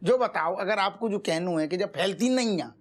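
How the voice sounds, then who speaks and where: A man's voice: high voice, moderate pace. An actor playing a bumbling male village police constable, blustering and exasperated. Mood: pleading.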